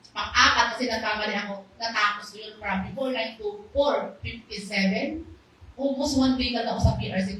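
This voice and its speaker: A woman giving a lively, loud testimony to a small church congregation in a casual, animated manner. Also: on the high side. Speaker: church speaker sharing a testimony. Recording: very echoey hall, voice far off, faint background noise.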